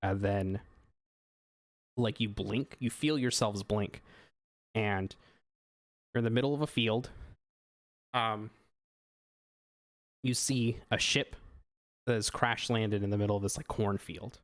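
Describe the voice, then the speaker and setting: A man with a low voice runs a tabletop game, describing each scene in loose, rambling sentences full of fillers and restarts. The sound is dry and close to the mic. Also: takes it slowly, long pauses, no room sound. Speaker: game master.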